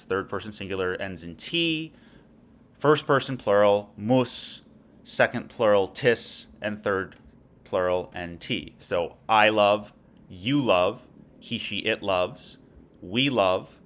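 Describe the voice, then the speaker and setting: A man's voice: on the low side, slow, fairly bright tone. A man teaching a recorded lecture, explaining patiently and checking in often with "okay?". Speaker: Latin teacher.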